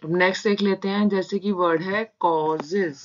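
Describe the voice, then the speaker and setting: A woman's voice: lowish voice, steady tone, a little hiss or hum. A woman teaching shorthand in a tutorial, patiently breaking words into their sounds. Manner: slow, patient, spelling out sounds. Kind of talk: step-by-step tutorial explanation. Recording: dull lo-fi sound.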